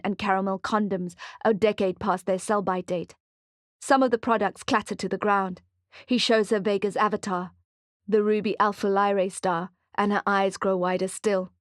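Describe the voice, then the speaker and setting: A woman's voice: medium pitch, flat delivery, moderate pace, dry recording, clean studio sound. Woman narrating a thriller audiobook. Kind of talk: scripted narration.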